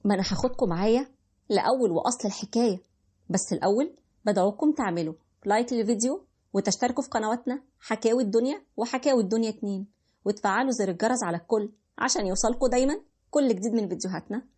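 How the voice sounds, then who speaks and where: Fast-talking Egyptian young woman storyteller. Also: a little high, mellow, slightly rough. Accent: Egyptian Arabic. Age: 20s. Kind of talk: first-person story narration.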